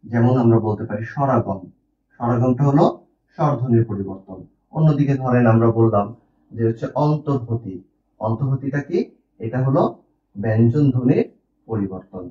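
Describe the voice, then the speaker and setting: A man's voice: mid-range voice, moderate pace, pauses often. A man giving an online grammar lesson as a teacher, explaining patiently and asking and answering his own questions. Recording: distant roomy lo-fi recording.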